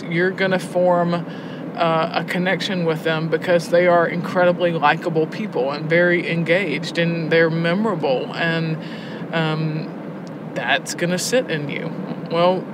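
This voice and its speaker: Driving in a moving car, a woman from Alabama who teaches poetry in prisons and heads the program speaks candidly and reflectively in an interview. Her lowish voice is thoughtful and deliberate, with pauses along the way, and the recording clearly picks up vehicle and road noise.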